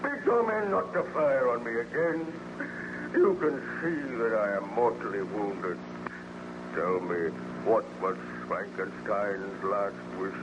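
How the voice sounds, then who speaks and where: A man's voice: on the low side, takes it slowly. An actor playing a wounded, remorseful monster in declamatory, formal 1930s radio style, bitter and grieving for his creator. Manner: declamatory, anguished, archaic formal speech. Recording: noisy, muffled old-time radio recording.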